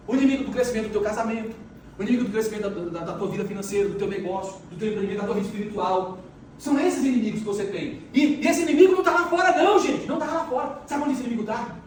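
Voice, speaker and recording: A middle-aged man giving a motivational talk, telling stories emphatically and repeating phrases for force. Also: sits high. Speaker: motivational speaker. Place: large echoey event hall. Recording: echoey hall, mic far off, faint noise.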